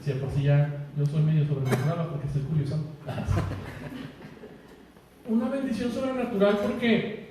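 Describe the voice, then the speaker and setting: A man with a Mexican accent preaches a sermon in a church hall, his voice a little high at normal speed with frequent pauses. He tells a personal story in a jokey, chatty way, laughing at his own jokes, picked up by a far-off mic in the echoey hall against a noisy background.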